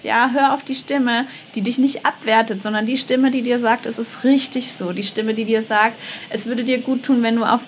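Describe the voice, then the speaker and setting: A woman speaking directly to the listener in a motivational self-love monologue, gentle and affirming, often repeating her phrases and dropping in a soft "ja". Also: a little high, slight background noise. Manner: gentle, affirming, repetitive phrasing with many "ja" fillers.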